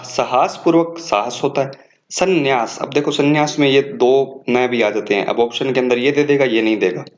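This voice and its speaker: A man's voice: medium pitch, lo-fi sound. A man teaching an exam-prep class, reading out words one at a time and correcting the wrong forms. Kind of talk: exam coaching lecture.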